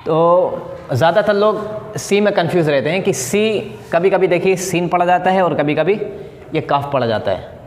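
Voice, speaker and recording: गूंजते कमरे में ऊँची आवाज़ वाला पुरुष शिक्षक. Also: male voice, high-pitched, animated. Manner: slow, repeats example words several times. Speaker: English teacher. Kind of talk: classroom lesson at a board. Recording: echoey room with long reverb.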